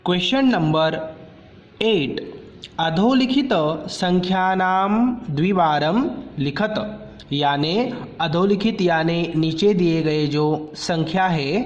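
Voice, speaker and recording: Slow, deliberate man teaching. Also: sits high, highs cut off. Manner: slow, deliberate, repeats each word several times. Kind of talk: slow worksheet lesson for young pupils.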